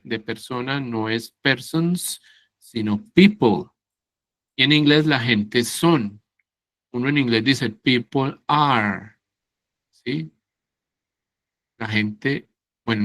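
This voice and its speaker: A man teaching an English class over a video call talks at an unhurried, deliberate pace and keeps stopping to make sure his students understand. His voice sits at an ordinary middle pitch and sounds close and dry, with no room echo. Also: fairly bright tone. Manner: slow, patient, checks understanding with "¿sí?" and "¿cierto?". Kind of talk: online class explanation.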